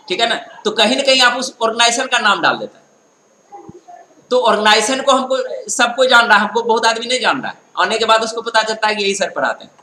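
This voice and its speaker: A man's voice: high voice, pushed and bright. A man teaching accounting in a classroom lecture style, explaining patiently and often checking whether listeners follow. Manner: explanatory, keeps checking understanding with tag questions; reads English definitions slowly, then explains them. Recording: echoey room with faint noise.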